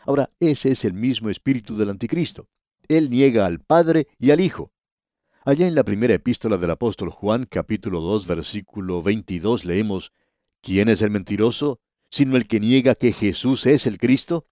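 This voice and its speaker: In a scripted radio Bible study, a man speaks directly to the listener and reads scripture in a measured, deliberate way, slowly emphasizing words. His voice is on the low side with a dark tone, and the recording is dry.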